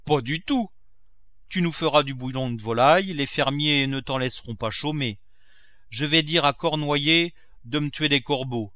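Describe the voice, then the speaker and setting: A stingy old master of the house who gives orders curtly and brooks no argument, as a male storybook reader puts him on. The voice is bright and a bit raised, and it sounds close and dry. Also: a little high, moderate pace, no room sound, voice pushed up. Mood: dismissive. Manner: curt and commanding.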